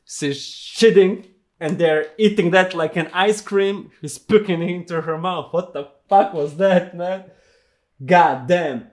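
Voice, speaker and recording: With a high, darkish voice and an unhurried pace, this young non-native English speaker runs a reaction vlog in his small home studio. His talk is informal, giggly and full of profanity.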